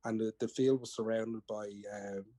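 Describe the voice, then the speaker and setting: A man's voice: on the low side, steady tone, normal speed, dark tone, no echo. A middle-aged Irish man, a storyteller, chatting casually in a reflective, anecdotal way. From Ireland. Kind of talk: casual conversational storytelling and explaining.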